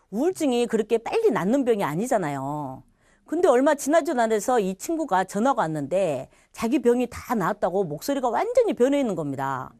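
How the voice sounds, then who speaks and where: A middle-aged woman from Korea giving a personal faith testimony at church, telling her story in a lively way and acting out the voices of others. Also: medium pitch, dry recording, studio quality.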